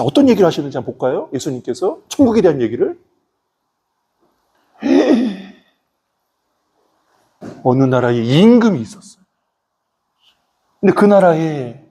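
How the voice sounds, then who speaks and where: A male pastor preaching a sermon in an animated way, constantly asking the congregation questions. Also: a little high.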